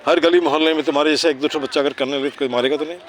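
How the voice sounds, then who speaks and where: A man's voice: a little high, fairly even intonation, rapid-fire, slight background noise. A man casually teaching children outdoors near a city park, mixing English words into his talk, reciting rhyming slogans and checking understanding with constant tag questions. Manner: mixes English words and phrases into Hindi. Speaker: neighbourhood cleanliness volunteer teaching children.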